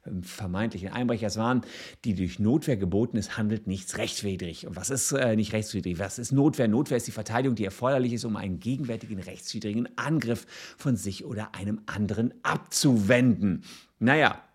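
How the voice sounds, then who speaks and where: A man commenting on a video and explaining criminal law in a relaxed, thinking-aloud way with frequent fillers. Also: lowish voice, brisk, husky. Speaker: legal commentator.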